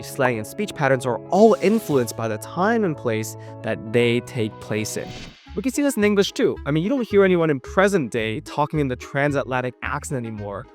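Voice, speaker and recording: A man hosting an explainer video, narrating a script in a conversational way. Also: a little high. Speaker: video host.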